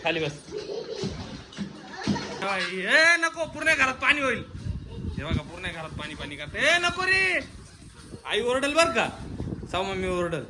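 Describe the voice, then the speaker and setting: A man's voice: high-pitched, big pitch swings, fairly quick, noisy background. A man filming a family vlog at home, talking to viewers and half-laughingly scolding his children. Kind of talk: casual family vlog narration. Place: at home, indoors.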